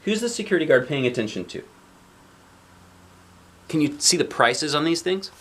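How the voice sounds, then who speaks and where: Reading a picture book to kids, a man with a fairly high, bright-toned voice keeps things animated. He stops to explain the pictures and ask the listener questions, mixing storytelling with conversational asides.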